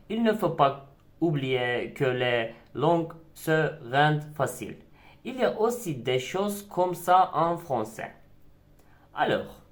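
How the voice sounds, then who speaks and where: A man teaching a language lesson, slowly and deliberately, repeating example words. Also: on the high side.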